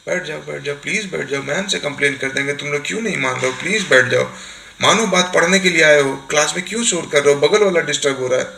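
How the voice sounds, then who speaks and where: A helpless little class monitor whines and begs the room to sit down, repeating himself in a bright, strained voice, as a male teacher puts him on. The sound carries a roomy echo. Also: fairly high pitch, fast talker, hardly any pauses. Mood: pleading. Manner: whiny, pleading, repeats himself. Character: meek schoolboy class monitor, pleading and ignored.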